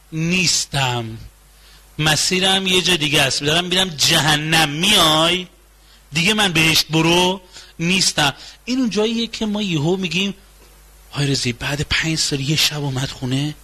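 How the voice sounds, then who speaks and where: A man giving a conversational talk on marriage, acting out both spouses in quick back-and-forth dialogue with repetitive phrasing. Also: on the high side, pushed and bright, husky, low-quality recording. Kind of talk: lecture on relationships.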